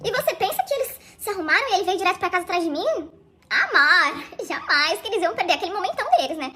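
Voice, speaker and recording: Play a young woman dishing out a comic story at a quick clip: bright and dramatic, full of slang. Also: extremely high pitch, lively intonation, a little hiss or hum. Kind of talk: comic first-person storytelling.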